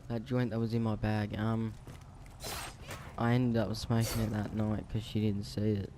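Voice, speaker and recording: Rambling Australian teen guy, flat and low. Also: normal speed, background noise. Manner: rambling, full of ums and restarts. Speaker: storyteller vlogger. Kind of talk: casual storytime vlog.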